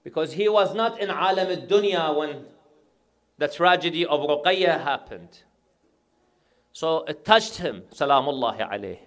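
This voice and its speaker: A male preacher tells a devotional story with an earnest, emotional delivery. His voice sits a little higher than most men's. He weaves devotional phrases into the telling. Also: animated, normal speed, fairly bright tone.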